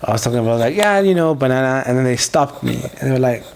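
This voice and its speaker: A man's voice: medium pitch, lively intonation, quick pace, a little mellow, slight background noise. A man co-hosting a podcast in casual chat, laughing often and telling playful stories. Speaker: podcast co-host.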